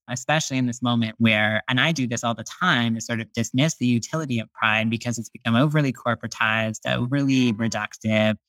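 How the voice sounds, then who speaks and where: A man speaking as a guest in a casual interview, thoughtful and unhurried, hedging often with "sort of" and "like". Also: medium pitch, fairly bright tone, no room sound, rough recording. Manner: thoughtful, unhurried, many hedges.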